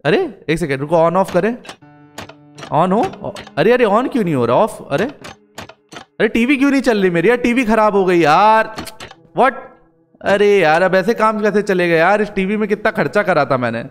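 A man hosting a casual game role-play, talking excitedly with lots of exclamations and fillers. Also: high voice, moderate pace, faint music behind. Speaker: gaming channel host.

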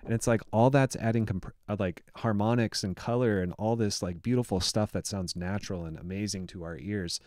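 A man with a somewhat low voice talks through his music production in a loose, excited way, packing his sentences with "like." He sits close to a studio microphone, and the sound is dry, with no room echo. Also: brisk, few pauses. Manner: chatty and enthusiastic, many "like" fillers. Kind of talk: casual production walkthrough.

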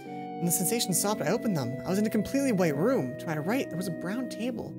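Over game music, a young adult man hosting a let's play reads visual novel narration aloud, breaking in with his own dramatic, expressive reactions. His voice is high-pitched and he talks fast.

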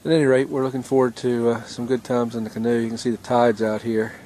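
Narrating his trip along a tidal creek, a man with an American accent keeps pausing on "uh" in a relaxed, halting way. He speaks at a medium pitch, captured outdoors with a handheld camera's microphone.

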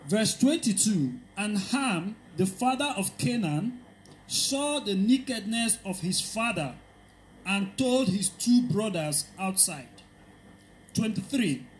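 A man reading Bible verses aloud during a sermon, steady and careful, calling out each verse number. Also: high-pitched, slow pace, a little hiss or hum, low-quality recording. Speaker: scripture reader.

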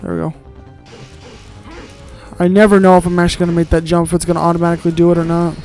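A man's voice: a little high, little pitch movement, fast, a little mellow, faint music behind, poor audio. A man giving casual, grumbling let's-play commentary while he plays, with sarcastic asides and casual swearing.

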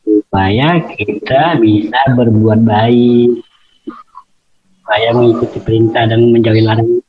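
A man explaining slowly and carefully over a remote call, his audio breaking up and cutting out. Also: medium pitch, level tone, phone-quality sound, crowd noise. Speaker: guest answering questions on Islam. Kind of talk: online group discussion.

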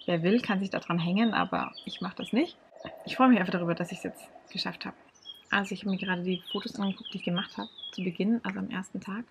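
A woman talking casually to her viewers in a vlog, chatty and reflective, often pausing on hesitation fillers. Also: medium pitch, creaky, husky, muffled recording. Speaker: vlogger. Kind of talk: casual vlog talk to camera.

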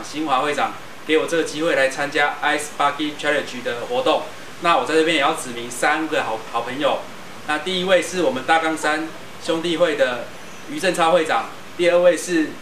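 A man's voice: a little high, a bit bright. A man in his thirties making a formal, slightly hesitant announcement to camera as a club president. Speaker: club president taking a charity challenge. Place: covered front porch outdoors. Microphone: far camera. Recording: distant, echoey, noisy outdoor camera audio.

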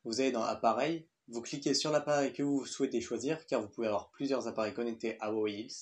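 A man's voice: medium pitch, steady tone, quick pace. A young man talking casually through a smartwatch review, chatty and loose, with fillers and the odd swear word. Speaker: tech reviewer. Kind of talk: casual tech review vlog.

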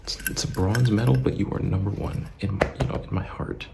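A young man doing fast ASMR, a whispered role-play in a murmured, casual, repetitive way, close to the mic. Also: fairly low pitch, creaky. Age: young adult. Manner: murmured, casual, repeating phrases. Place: small room indoors. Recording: noisy close-up recording with clicking, tapping.

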